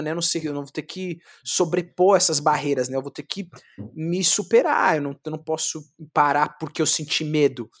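In a casual interview, a young Brazilian street clown tells his story in a fairly high-pitched, lively voice. He swears often and animatedly acts out what he said back then.

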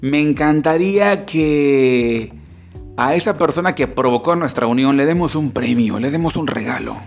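A man voicing a gentle, affectionate queen figure who speaks tenderly to her husband in a spoken lesson. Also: mid-range voice, normal speed, vocal fry, faint music behind, close to an everyday voice.

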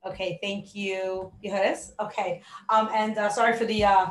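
A woman's voice: medium pitch, level tone. Friendly woman host in a roomy space. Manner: friendly, halting with many ums. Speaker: podcast host. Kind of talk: live session introduction. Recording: roomy with faint noise.

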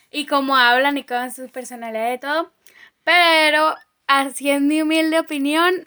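A young woman with a Mexican accent chatting on a podcast, relaxed and pausing to search for words. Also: high voice. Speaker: podcast co-host. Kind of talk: casual podcast chat.

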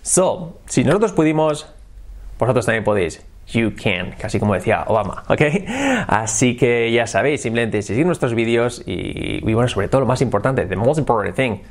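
A young man from Spain with a Spanish accent, teaching English words in a bilingual lesson, slowing down to spell and repeat words. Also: mid-range voice, expressive.

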